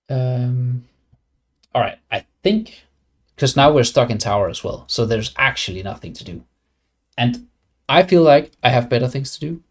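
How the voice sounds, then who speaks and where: This is a game streamer from Denmark, a young adult man whose voice is gravelly and medium in pitch. His live stream chat is casual and rambling, full of fillers and false starts.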